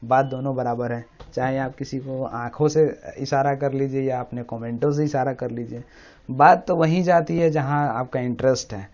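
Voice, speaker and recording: Man, English teacher, explains grammar patiently, repeats words over and over, keeps checking the listener follows, middle pitch, dull lo-fi recording. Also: steady tone, moderate pace, a little mellow. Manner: repeats key words often, asks the listener "samajh rahe hain na?".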